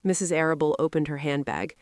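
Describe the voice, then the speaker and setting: Expressive woman reading a children's story. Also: sits low, fast, no echo, studio quality. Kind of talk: expressive scripted narration of a children's book.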